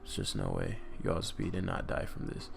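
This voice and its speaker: A man with a very low, gravelly voice talks through his competitive match as he plays. He thinks aloud in a loose, casual way, muttering and trailing off with plenty of ums. Faint music plays behind him. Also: big pitch swings, normal speed. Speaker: competitive game player and commentator. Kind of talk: casual live gameplay commentary.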